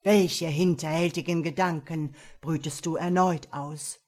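A woman voicing a wrathful male fire demon lord from the underworld, booming and commanding, in a storybook reading. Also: steady tone, a little slow, a little mellow.

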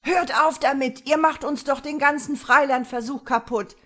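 A woman voicing a pudgy man in a suit who shouts and pleads shrilly. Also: sits high, normal speed, pitched above the performer's own voice. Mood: shouting. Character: agitated man in a suit, pudgy office type.

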